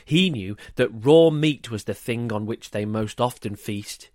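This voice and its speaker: A man's voice: medium pitch, unhurried, dry recording, clean studio sound. Man reading a rhyming storybook. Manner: lively, expressive reading.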